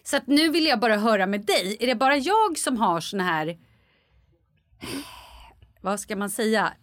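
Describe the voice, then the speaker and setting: A woman co-hosting a casual podcast, an animated storyteller who acts out quotes with big jumps in her voice. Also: fairly high pitch, no room sound. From Sweden. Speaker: podcast co-host. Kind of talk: casual chat.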